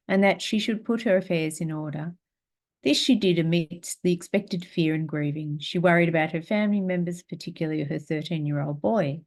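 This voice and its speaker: A woman teaching a spiritual class, guiding a meditation in a slow, calm, gentle way and reading aloud. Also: lowish voice.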